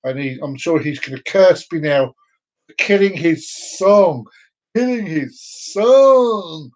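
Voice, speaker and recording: A man hosts a casual solo live stream, rambling and mocking himself and now and then breaking into off-key singing. His voice sits on the high side, expressive and slow-paced, and the lo-fi recording sounds dull.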